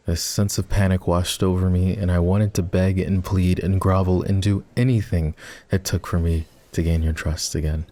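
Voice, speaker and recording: In an intimate, scripted ASMR boyfriend roleplay, a man plays a regretful, tender ex-boyfriend who is now the listener's office boss. His deep voice is husky and gravelly. He sounds pained and earnest, speaking softly and hesitantly as if confessing.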